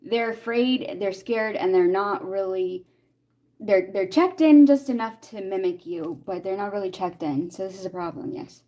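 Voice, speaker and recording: A young woman talks her way through a tarot reading in a loose, chatty flow. She laughs easily, jokes, and answers her viewers' comments as she goes. Her voice sits at a middle pitch. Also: expressive, normal speed, dark tone. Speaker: tarot reader. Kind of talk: casual live tarot reading.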